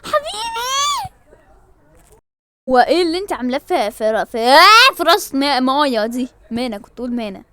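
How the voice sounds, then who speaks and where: Brief: high-pitched Egyptian woman acting out a doll story, lively and emotional, many voices. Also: fast talker, few pauses, background noise. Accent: Egyptian Arabic. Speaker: storyteller voicing all characters. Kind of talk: home-made doll-story role-play.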